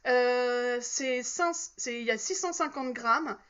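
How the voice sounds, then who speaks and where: A woman's voice: fairly high pitch, takes it slowly, fairly bright tone, smooth. A woman in her thirties, chatting casually about her shopping haul, hesitant and full of fillers and self-corrections. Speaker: vlogger showing a shopping haul. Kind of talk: casual chat. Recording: slightly dull, faint background noise.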